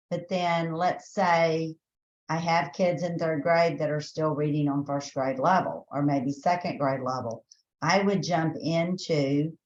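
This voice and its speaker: A low-pitched female voice with a Southern accent, from Texas, comes through dull audio in a roomy space. She presents a teacher training webinar casually, thinking out loud with plenty of restarts and filler words.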